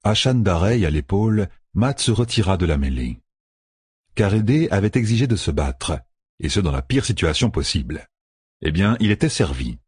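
Very husky deep-voiced male narrator. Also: very animated, normal speed, darkish tone, no echo. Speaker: audiobook narrator. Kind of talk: scripted narration. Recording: dry close recording.

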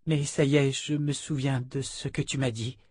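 A man's voice: mid-range voice, flat delivery, moderate pace, a little mellow, slightly rough, dry recording, close to an everyday voice. A man voicing a grieving young wife in pain, raising his voice into a pleading tone. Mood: distressed.

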